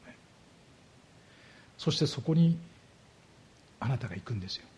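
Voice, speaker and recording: With a medium-pitched, dark, breathy voice, the preacher speaks animatedly as he explains scripture and asks his listeners rhetorical questions. Key words come out heavily drawn out.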